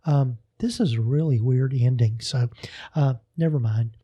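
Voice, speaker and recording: A man's voice: medium pitch, unhurried, warm tone, breathy edge, dry recording. A man hosting a podcast, signing off in a casual, rambling way with many fillers and restarts. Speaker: podcast host.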